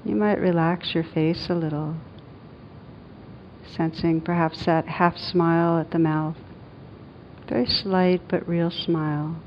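A meditation teacher guides a meditation in a fairly low, gentle, soothing voice with a steady tone. She pauses long and unhurriedly between phrases. The recording sounds somewhat dull, with a faint rumble in the background.

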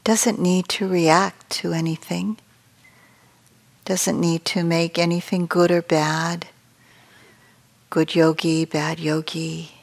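A female meditation teacher guides a meditation gently and unhurriedly, leaving long pauses. Her soft, lowish voice has little pitch movement and turns breathy at the ends of phrases.

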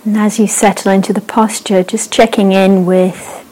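A meditation teacher, a woman, guides a meditation in a warm, mellow voice, speaking slowly and gently. She leaves long pauses between phrases and keeps her pitch even and flat. The recording is rough.

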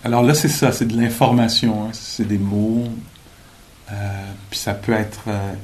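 Low-voiced man. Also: steady tone, measured pace, low-quality recording. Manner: thoughtful, hesitant with many fillers, gently joking. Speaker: meditation teacher. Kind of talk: dharma talk at a retreat. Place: retreat meditation hall.

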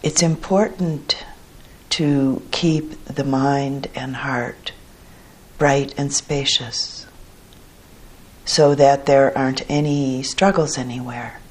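A woman instructs a guided meditation in a low, husky voice, keeping her tone steady. Her manner is gentle and measured, with pauses between short phrases.

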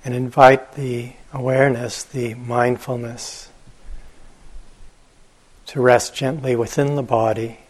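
Speaking in short phrases separated by long, unhurried pauses, a male teacher leads a guided meditation very slowly and gently. His husky voice holds a medium pitch and a level tone, though the audio is poor.

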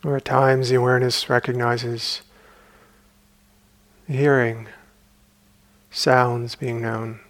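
A meditation teacher with a mid-range voice guides a meditation, speaking calmly and without hurry in short phrases separated by long pauses. The recording is dry.

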